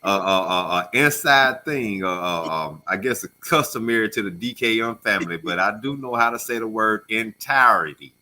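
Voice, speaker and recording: Bright, forceful man on radio. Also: on the low side, a little fast, few pauses. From Alabama, USA. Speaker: radio show co-host. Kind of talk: casual radio banter. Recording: noisy, with background ambience.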